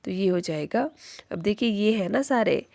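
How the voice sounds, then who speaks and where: A woman's voice: mid-range voice, lively intonation, normal speed, creaky, a little mellow, no room sound. A woman teacher explaining grammar rules step by step, asking the class questions and answering them herself. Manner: repeats each rule as a question, then answers it. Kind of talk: Hindi grammar lesson.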